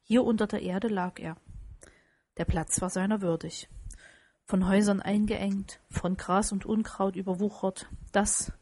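Breathy woman reading a classic tale. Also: medium pitch, a little slow, no room sound. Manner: calm storytelling with softly voiced dialogue. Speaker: audiobook reader. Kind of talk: scripted narration.

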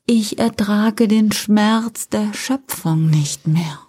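Whispered role-play, young female angel voiced by a woman, tearful, pleading, breathy, husky, storybook fantasy. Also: medium pitch, takes it slowly, dark tone. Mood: anguished pleading.

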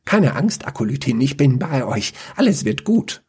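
A man voicing a clumsy, eager male dinosaur summoner who stammers and hesitates, with a husky voice. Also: a little high, very animated, moderate pace, warm tone, voice pushed up. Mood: reassuring.

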